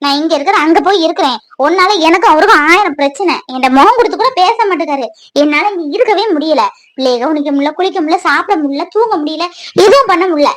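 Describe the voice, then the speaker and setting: A brooding young cartoon mother, voiced by a woman, pours out her hurt in a very high, sorrowful voice. She talks to herself in a self-pitying way. The sound is dry and close. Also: expressive, rapid-fire, few pauses, a bit bright, no echo, poor audio. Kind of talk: cartoon voice acting.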